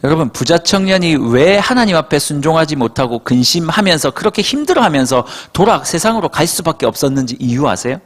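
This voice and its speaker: A male pastor preaching to young adults, telling stories in an animated way and acting out quotes. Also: on the high side, a little fast, few pauses. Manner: animated storytelling, acts out quotes. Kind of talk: sermon to a young adult congregation.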